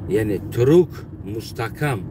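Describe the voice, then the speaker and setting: A man with a Tajik accent talking in a casual monologue, halting and often pausing to search for his words. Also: mid-range voice, lively intonation. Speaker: commentator. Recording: distant mic with loud outdoor traffic noise.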